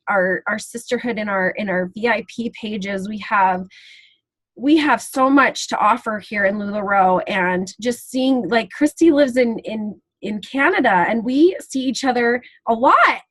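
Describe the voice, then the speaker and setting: A woman's voice: fairly high pitch, unhurried, fairly bright tone, no room sound, low-quality recording. Emotional woman host on a video call. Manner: emotional, rambling with restarts. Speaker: team leader, webinar host. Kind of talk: casual team webinar talk.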